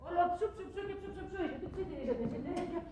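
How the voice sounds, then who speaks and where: An actress playing a loud, bossy, doting old matriarch in a stage drama, calling out with emotion. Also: female voice, very high voice, animated, a crowd in the background. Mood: bustling. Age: older. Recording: echoey theatre stage, from far off.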